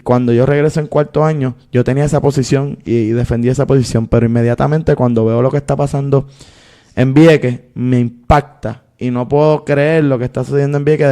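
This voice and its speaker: He's a guest in an interview, a Puerto Rican activist and filmmaker in his thirties, whose mid-range voice has a gravelly, dark, mellow quality. His storytelling is earnest and unhurried, running in long stretches and filled with fillers.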